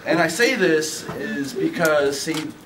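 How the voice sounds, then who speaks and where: A man's voice: on the high side, lively intonation, slow pace, fairly bright tone. Chatty man telling a story off-mic. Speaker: community manager at a game store. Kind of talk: casual spoken anecdote for an interview. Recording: distant mic with faint background noise.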